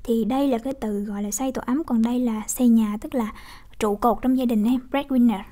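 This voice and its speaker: Young woman teacher, Vietnamese accent, soft warm tone, slightly high voice, explanatory classroom manner. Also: steady tone, brisk. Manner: explanatory, with frequent tag questions. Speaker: English teacher. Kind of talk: exam walkthrough lesson.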